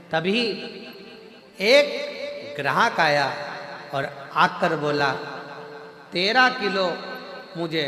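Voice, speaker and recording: A male preacher telling humorous stories in a sermon, dramatic and lively. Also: a little high. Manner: dramatic, switches into character voices. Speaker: preacher, religious storyteller. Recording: echoey hall with faint music.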